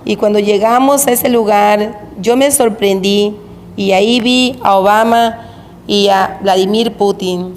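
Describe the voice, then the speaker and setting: Woman preacher, unhurried testimony of a vision, long hall reverb, faint hiss. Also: medium pitch, fairly even intonation. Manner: slow, repetitive storytelling with recurring phrases. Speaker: preacher recounting a revelation. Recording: echoey hall with faint background noise.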